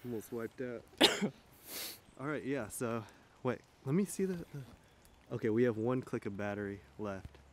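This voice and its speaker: A man chatting casually while planning a video, rambling along with plenty of fillers and restarts. His voice sits at a mid pitch, with faint background noise behind it. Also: animated, moderate pace. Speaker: video project collaborator. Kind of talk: casual chat.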